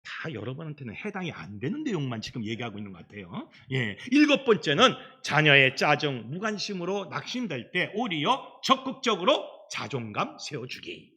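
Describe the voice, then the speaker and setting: A middle-aged man preaching a children's Sunday sermon as pastor, in an animated storytelling manner. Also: on the high side, moderate pace, few pauses, breathy edge. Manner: animated storytelling, acts out quoted voices. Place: church sanctuary.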